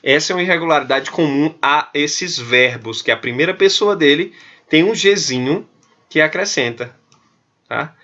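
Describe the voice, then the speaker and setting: Brazilian teacher explaining grammar, bright lo-fi voice. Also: male voice, on the high side, moderate pace. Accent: Brazilian Portuguese. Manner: explains step by step, often checks with "tá?". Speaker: Spanish teacher. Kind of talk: recorded online grammar lesson. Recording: dull lo-fi audio.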